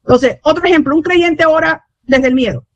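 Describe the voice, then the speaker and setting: High-voiced woman preaching a sermon. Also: moderate pace, no room sound, lo-fi sound. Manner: fillers and restarts, frequent amen. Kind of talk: sermon teaching.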